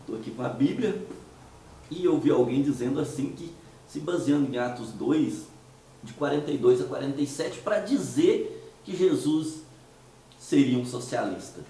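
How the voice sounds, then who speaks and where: Recorded far from the mic in a very echoey room, with faint noise underneath, a hoarse man speaks in a dark, mellow voice of medium pitch. He hosts a commentary show and comes from Minas Gerais, Brazil, carrying a Mineiro Brazilian Portuguese accent; his cold has made him hoarse. His casual monologue moves at an unhurried pace, with rhetorical questions and hesitant restarts.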